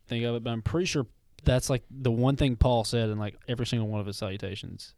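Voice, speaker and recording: A young man co-hosting a casual faith podcast, easygoing and quick to laugh, reading Bible verses aloud. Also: mid-range voice, fairly even intonation, darkish tone, no room sound. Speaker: podcast co-host.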